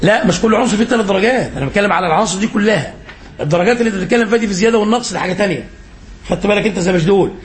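A man's voice: high voice, rapid-fire, slight background noise. A man with an Egyptian accent teaching an Islamic lesson as a sheikh, quizzing his listeners and repeating phrases for emphasis. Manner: quizzing listeners and filling in answers.

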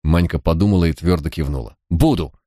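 A man narrating a story in the first person, in a steady, measured storytelling manner. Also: sits low, no room sound, studio quality. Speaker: audiobook narrator.

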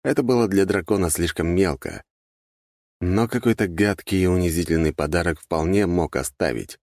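Deep-voiced male audiobook narrator. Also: moderate pace, a little mellow, no echo, clean studio sound. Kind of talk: first-person audiobook narration.

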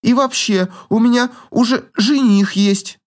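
A man's voice: extremely high pitch, unhurried, voice pushed up. A man voicing a proud, indignant young noblewoman in an audiobook, with huffing, squealing protests. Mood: huffy. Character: haughty proud young noblewoman, quick to huff.

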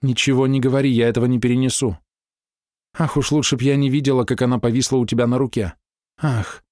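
A man voicing a gentle, grieving young woman in love, read softly and pleadingly in an audiobook. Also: medium pitch, steady tone, quick pace, no echo, studio quality, pitched above the performer's own voice, close to an everyday voice. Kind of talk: audiobook dialogue read by narrator.

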